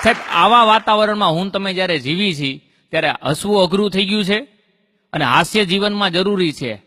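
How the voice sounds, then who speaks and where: A man's voice: high voice, big-room sound, heavy background noise. A man doing folk stand-up comedy, telling stories with punchlines and rhyming couplets.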